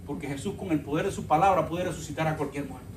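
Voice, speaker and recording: A man's voice: a little high, fast, slight background noise. A man preaching a sermon as pastor, telling the story dramatically and calling the congregation brothers. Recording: echoey church from far off.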